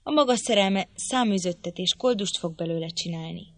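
A woman voicing a furious, domineering middle-aged man who shouts threats, in an audiobook reading. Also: on the low side, dry recording, lightly acted. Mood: cold threatening.

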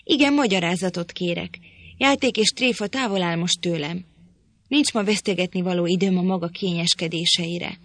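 A woman's voice: lowish voice, a bit bright, dry recording. A woman reading the part of a proud, impatient young woman who scolds irritably in an audiobook. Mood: scolding.

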